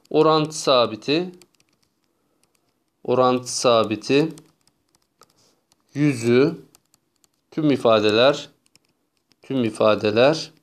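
A man teaching math, working step by step through textbook problems, repeating key steps and addressing viewers directly. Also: mid-range voice.

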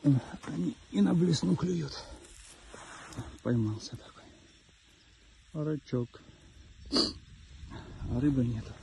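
A man's voice: on the high side, lively intonation, extremely slow, vocal fry, long pauses, a little mellow, slight background noise. A man filming himself fishing outdoors on a phone, giving offhand running commentary on his catch. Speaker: fishing vlogger. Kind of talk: casual fishing vlog commentary. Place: outdoors by a river and pond. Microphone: phone camera in hand.

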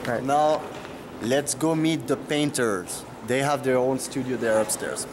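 A man's voice: medium pitch, measured pace. A man hosting a casual guided tour of an art school, leading the way and chatting. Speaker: host. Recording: loud music bed behind voice.

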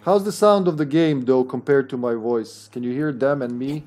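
A man in his thirties streams a video game from a room at home, chatting casually on a headset, laughing often and trailing off mid-sentence. His medium-pitched voice has a darkish tone at normal speed, over soft background music.

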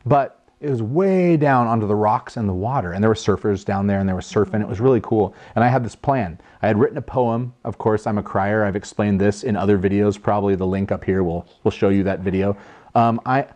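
A man in his thirties telling a funny personal story in a jokey, animated way, acting out voices. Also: lowish voice, fairly quick. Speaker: host. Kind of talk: casual storytelling.

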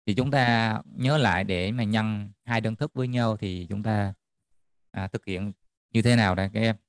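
A man's voice: fairly low pitch, normal speed, smooth, dry recording, clean studio sound. A man tutoring a math class online, checking in often with students as he explains. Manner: checks in often with students, repeating "được chưa?".

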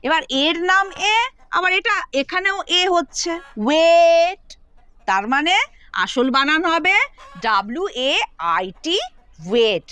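উঁচু গলায় ধীরে বোঝানো বাঙালি শিক্ষিকা. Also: female voice, very high-pitched, sing-song, measured pace, sharp tone, no echo. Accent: Bengali. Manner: patient, step-by-step, repeats words aloud to sound them out. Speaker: English teacher. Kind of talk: explaining spelling rules to children.

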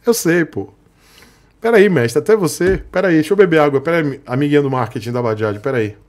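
A man's voice: on the high side, fast talker. A man with a Brazilian Portuguese accent, ranting sarcastically and joking with his live-stream chat. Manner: sarcastic, joking, with frequent chuckles. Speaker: motorcycle vlogger on a live stream. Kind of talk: casual live-stream rant.

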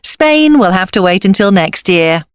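Actress as easygoing mother, medium-pitched voice. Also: sing-song, measured pace, smooth, no room sound, clean studio sound. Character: easygoing mother chatting about family holiday. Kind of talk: scripted exam dialogue.

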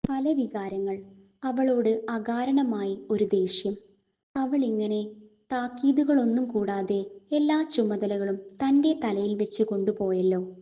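A woman with a voice on the high side narrates a literary short story, measured and expressive in her storytelling. The audio has its highs cut off.

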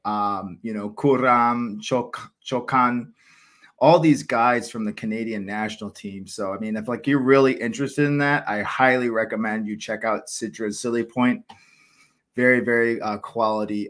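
This cricket channel host, an American in his thirties, streams casually from a small home room. He rambles with enthusiasm, full of fillers and false starts, in a mid-range, fairly bright voice.

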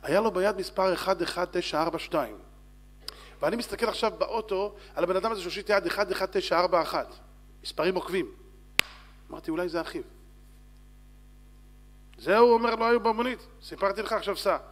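A man, a rabbi, telling a story in a sermon and acting out shouts and dialogue. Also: sits high. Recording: long hall reverb.

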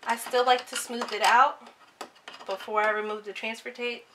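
Female craft narrator, thirties, casual instructional read, crisp bright tone, faint noise behind. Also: on the high side, little pitch movement, moderate pace. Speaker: craft tutorial host. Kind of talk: casual step-by-step tutorial narration.

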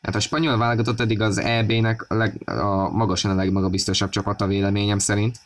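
A man giving football match commentary on a video game, excited and raising his voice at key moments. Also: on the low side. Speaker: sports commentator.

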